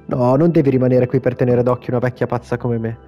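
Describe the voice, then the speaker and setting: A man's voice: medium pitch, level tone, fast, dull audio, faint music behind, natural voice. A man reading the lines of a frail, teasing old grandmother from a video game, in his own plain voice.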